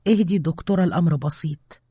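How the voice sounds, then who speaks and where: A woman with an Egyptian accent voicing a calm male scientist who dismisses concerns. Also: lowish voice, quick pace, no room sound, clean studio sound, natural voice. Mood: dismissive. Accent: Egyptian Arabic.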